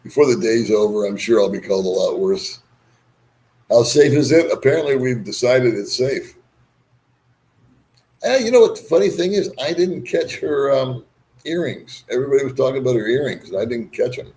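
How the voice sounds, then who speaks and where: He hosts a relaxed livestream, going through viewer comments and answering with chuckles and easy banter as he rambles. His mid-range voice is animated and a little mellow, at a normal speed.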